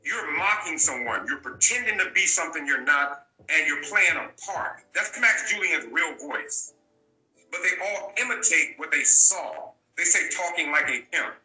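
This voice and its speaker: A man speaks as a guest in a candid interview, with a forceful, bright edge and a slightly high pitch. He talks bluntly and hammers his points home by repeating them. The room gives his voice a noticeable echo. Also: lively intonation, normal speed, soft background music. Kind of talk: candid storytelling.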